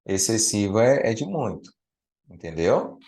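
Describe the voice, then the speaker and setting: A man's voice: lowish voice, sing-song, a little slow, darkish tone. A man from Brazil tutoring a student in grammar, explaining step by step and checking with questions. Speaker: teacher.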